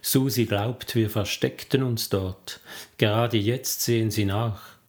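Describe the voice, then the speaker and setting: A man voicing a tense young woman who excitedly explains a plan. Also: lowish voice, takes it slowly. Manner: excited, persuasive.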